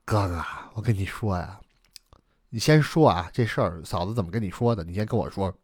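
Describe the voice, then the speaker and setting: A male storyteller voicing an earnest, loyal younger brother who speaks low and hushed. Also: expressive, brisk, breathy edge, no room sound, studio quality.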